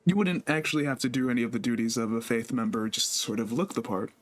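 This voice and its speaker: A man's voice: mid-range voice, fast, close to an everyday voice. A man voicing a courteous, hesitant male church leader in a tabletop game, stopping often to rethink what he is saying. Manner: courteous and hesitant, full of ums.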